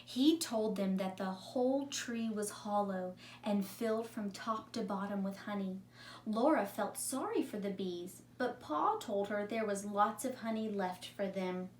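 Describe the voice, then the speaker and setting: A woman teacher reads a story aloud to young children in a mid-range, unhurried voice, putting questions to them in simple wording. The echoey room, distant mic and faint noise shape the recording.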